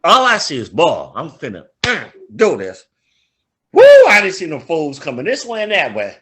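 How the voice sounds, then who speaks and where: An older man trades sports stories on a casual podcast, his voice bright and forceful. He talks in animated bursts, laughing often and cursing freely. His pitch runs a touch high for a man. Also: moderate pace, a little hiss or hum. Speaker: podcast co-host, grandfather.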